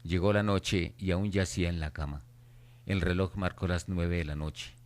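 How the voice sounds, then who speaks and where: A man's voice: deep voice, fairly even intonation, normal speed, a little mellow. A man reading scripted narration for a horror radio drama.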